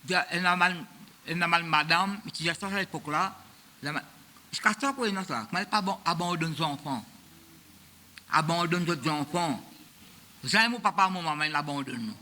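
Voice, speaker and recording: A man's voice: a little high, expressive, a little fast, sharp tone, slight background noise. A man, preaching a sermon as pastor of a church, in a loose, repetitive style that mixes French and Creole. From Mauritius.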